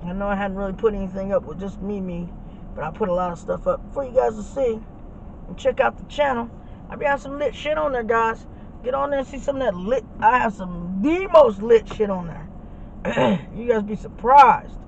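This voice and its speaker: Caught on a dash cam inside a moving truck, this vlogger speaks to his viewers in a high, creaky voice at normal speed, with the highs cut off. His talk is loud, casual hype full of slang and profanity, and heavy road and engine noise fills the recording.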